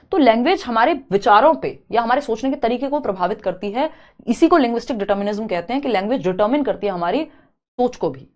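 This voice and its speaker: Woman with a higher voice, exam-prep teacher in a live online class, explains step by step and reads viewer comments. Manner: explains step by step, mixing in English terms and reading out viewer comments.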